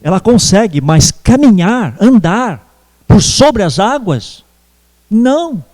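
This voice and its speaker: A man preaching a sermon as pastor, slow and measured with pauses. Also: high voice, very animated, a little mellow, in a large hall. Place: church.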